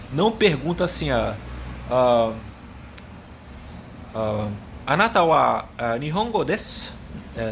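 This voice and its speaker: A man runs a lighthearted language video, wandering off on tangents and making fun of himself while tripping over words that escape him. His voice is medium-pitched, with a little noise in the background.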